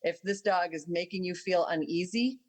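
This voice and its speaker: A woman, a dog trainer, explaining calmly and patiently in a casual chat, with filler ums. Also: on the low side, normal speed, rough recording. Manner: patient, instructive, with acted dog voices.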